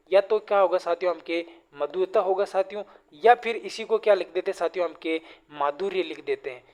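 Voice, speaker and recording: High-voiced male grammar teacher. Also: darkish tone. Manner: repeats questions to the class, constantly addressing students as friends; drills correct and incorrect word forms. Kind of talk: online exam-prep lesson.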